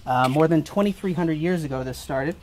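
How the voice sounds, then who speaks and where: A man's voice: a little high, a little fast. A man officiating an informal wedding, explaining the ceremony in a wry way. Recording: live ceremony with faint ambient noise.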